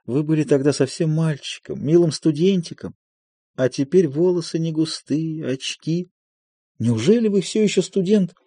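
A man's voice: fairly high pitch, normal speed, warm tone, breathy edge, dry recording, voice pushed up. A man voicing a middle-aged noble lady, nostalgic and tearful, reading an audiobook of a play. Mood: tender. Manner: wistful, emotional.

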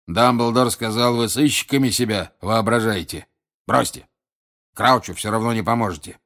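A man doing a creaky, gruff old wizard teacher. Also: lowish voice, moderate pace, fairly bright tone. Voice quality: creaky, gravelly. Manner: curt, grumbling. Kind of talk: audiobook character voice.

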